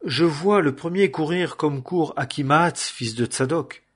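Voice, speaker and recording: A man's voice: on the high side, unhurried, husky, pitched above the performer's own voice. A man reading the lines of a sentinel on a wall during a scripture reading. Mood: alert. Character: watchful male sentinel.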